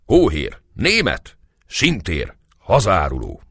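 A man voicing a hot-tempered old nobleman who shouts and rages in a storybook reading. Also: sits low, big pitch swings, no room sound, clean studio sound, pitched above the performer's own voice. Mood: furious. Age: older. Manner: shouting, bitter, blustering.

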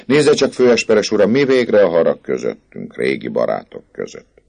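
Brief: a boastful, jittery poet, a gravelly-voiced male reader putting him on, full of fussy patter and wide swoops. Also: low-pitched, huge pitch swings, a little mellow, no echo, pitched above the performer's own voice, heavily acted. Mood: chattering, scheming. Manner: rapid, fussy, self-pleased patter. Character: chatty scheming male poet, nervous and boastful.

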